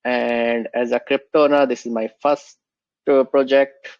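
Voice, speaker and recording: A man's voice: mid-range voice, level tone, measured pace, clear, resonant tone, dry recording, muffled recording. A man with a cold, answering interview questions as a guest, earnest and explanatory. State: has a cold.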